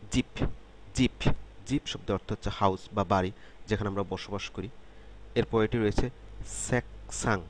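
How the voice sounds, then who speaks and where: Man, lower voice, language teacher, slow repetitive drilling, faint background hiss. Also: a little mellow. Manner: says each word slowly several times, then explains it. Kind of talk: slow, repetitive vocabulary lesson.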